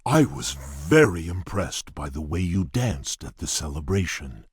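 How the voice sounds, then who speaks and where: A courtly fairy-tale beast prince for a video game, with a deep and heavily husky voice. He speaks slowly and formally, gruff yet shy and earnest. The sound is close and dry. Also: sing-song, dry recording, full character voice. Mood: courteous. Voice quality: husky, deep, gravelly rumble. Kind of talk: video game character voice lines.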